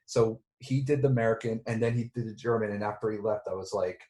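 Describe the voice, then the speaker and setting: A man's voice: on the low side, fast, a little mellow. A man reminiscing about casting in a casual reunion chat, rambling with many restarts and fillers. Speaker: director and writer. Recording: roomy echo.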